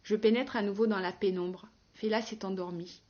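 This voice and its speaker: A woman narrating a first-person novel in a wry, ironic and measured tone. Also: medium pitch, steady tone, darkish tone, lo-fi sound. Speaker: audiobook narrator.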